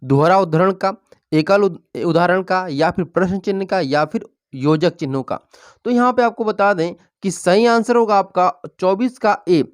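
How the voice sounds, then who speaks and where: A teacher giving an exam-prep lesson, reading out multiple-choice questions and explaining each answer in a steady, explanatory way, often pausing to check in with the class. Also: medium pitch, no room sound, studio quality.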